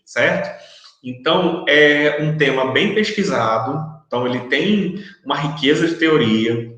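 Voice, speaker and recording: Speaking in a mid-range, slightly bright voice, a man delivers a recorded online university lecture from a very echoey room. He explains things step by step and keeps using frequent tags to confirm students are following.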